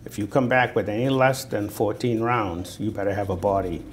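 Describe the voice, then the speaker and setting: With a fairly low pitch and a Boston accent, a sixty-something man from Natick, Massachusetts, remembers serving in the army during the Vietnam War. The oral history interview is halting and conversational, filmed indoors with him seated and wearing a lapel mic, and background noise is noticeable.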